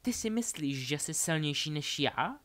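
A man's voice: medium pitch, expressive, lightly acted. Brief: man doing a cold, taunting young witch, raised tone, storybook reading. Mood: mocking. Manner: taunting, ironic.

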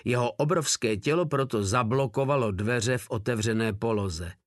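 Male audiobook narrator, even storytelling read, dry close sound, middle pitch. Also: no room sound. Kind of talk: scripted narration.

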